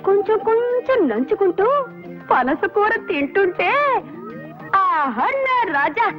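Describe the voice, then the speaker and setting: A dreamy food-loving wife. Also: female voice, very high voice, very animated, takes it slowly, full character voice. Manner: dreamy, savoring food talk. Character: food-loving wife arguing over curries. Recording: dull film soundtrack with music.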